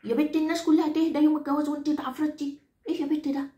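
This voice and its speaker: Woman doing a fast-talking scolding Egyptian granny. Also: high-pitched, little pitch movement, dark tone, reverberant, close to an everyday voice. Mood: scolding rant. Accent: Egyptian Arabic. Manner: scolding, exaggerated oaths, repeats herself. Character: nagging Egyptian granny near ninety, henpecked by her husband. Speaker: comic character monologue. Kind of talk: comic rant to the audience.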